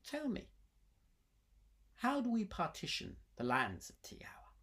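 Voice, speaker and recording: An inquisitive king of ancient Irish legend, as a storyteller puts him on, questioning his elders. The voice is very animated in pitch, in the style of oral storytelling. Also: a little slow, whispered. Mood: commanding, curious.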